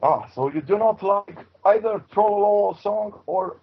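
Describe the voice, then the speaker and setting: A man putting on a Transylvanian accent as a deadpan, trolling radio host with broken English, talking through a laptop mic. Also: high voice, unhurried, husky, voice pushed up, heavily acted. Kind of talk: prank call-in radio chat. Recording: dull lo-fi laptop audio.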